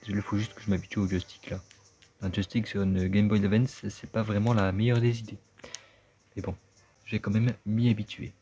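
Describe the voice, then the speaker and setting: A man's voice: lowish voice, flat delivery, normal speed, dark tone. A man giving casual, chatty gameplay commentary, thinking aloud as he plays. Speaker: let's play gamer. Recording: dull lo-fi sound with game music.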